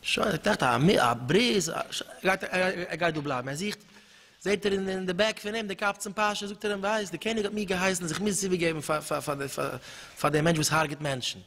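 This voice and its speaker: High-voiced fervent male preacher, reverberant hall. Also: brisk, gravelly, a bit bright. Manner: fervent, emphatic, with frequent repeats and restarts. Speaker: religious speaker. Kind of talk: storytelling sermon. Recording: long hall reverb with faint music.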